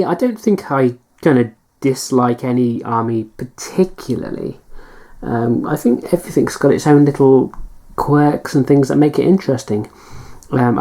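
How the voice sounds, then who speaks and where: A woman's voice: very deep voice, mellow. A woman chatting casually as a hobby vlogger, answering viewer questions in a hesitant, self-deprecating way. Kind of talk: casual Q&A chat.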